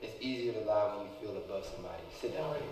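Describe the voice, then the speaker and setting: A man on a reality show runs a mock interrogation, stern but teasing as he fires questions. His voice sits at a middle pitch. The audio is roomy and echoey, caught from a distance. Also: animated, racing, background noise. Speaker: reality show cast member. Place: a house.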